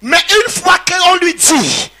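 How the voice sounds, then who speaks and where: A man preaching a fiery sermon as pastor in a church hall, proclaiming with repetition and bursts of shouting. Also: very high-pitched, big pitch swings, takes it slowly.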